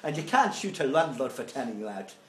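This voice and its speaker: A man's voice: mid-range voice, very animated, moderate pace, lightly acted. A homesick, idle Irish fellow recites his sing-song lament, as a lecturer puts him on. The put-on Irish accent slides toward Scottish, and the voice rises and falls widely. It echoes in a roomy space. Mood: wistful. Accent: put-on Irish drifting to Scottish.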